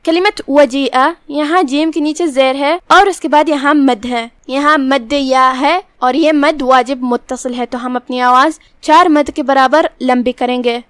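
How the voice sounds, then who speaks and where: A woman with a Pakistani Urdu accent, teaching Quran recitation rules in a measured, instructive way. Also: high voice, steady tone, fairly bright tone, no echo. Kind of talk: tajweed lesson, explaining rules word by word.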